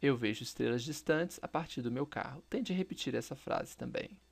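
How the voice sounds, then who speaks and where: A man teaching an English lesson, slow and deliberate, repeating example phrases so learners can follow. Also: mid-range voice, expressive, vocal fry, slightly rough. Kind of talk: recorded language lesson.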